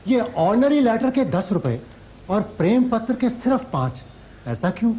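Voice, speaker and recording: A man's voice: extremely high pitch, sing-song, normal speed, warm tone. An actor playing a fussy married man sending a parcel in a sitcom. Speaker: customer. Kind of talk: 1990s TV sitcom acting.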